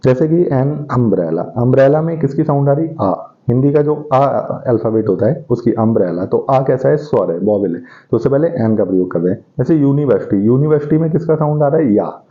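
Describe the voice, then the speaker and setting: A man teaching an English grammar lesson, explaining step by step and asking questions that he answers himself. He reads the English example sentences slowly. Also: medium pitch, expressive. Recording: dull lo-fi recording.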